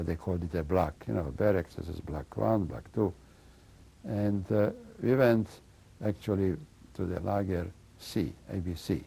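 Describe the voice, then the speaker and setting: Older man, gravelly and halting. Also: low voice, warm tone. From Slovakia and Hungary. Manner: halting, searching for words, frequent "you know". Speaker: interviewee recounting memories. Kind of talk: oral history testimony.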